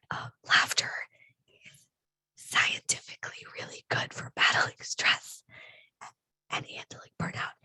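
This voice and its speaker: Having lost her voice, a staff development teacher whispers breathily close to the mic while presenting a conference session, chatty and self-deprecating. Her voice sounds pushed and bright, with no room sound and poor audio quality.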